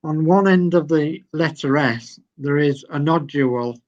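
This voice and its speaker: A man's voice: a little high, a little mellow, dull audio. An older man with a Yorkshire accent, patiently talking through model-building steps and reading instructions aloud on a video call. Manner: slow, patient, reads instructions aloud step by step.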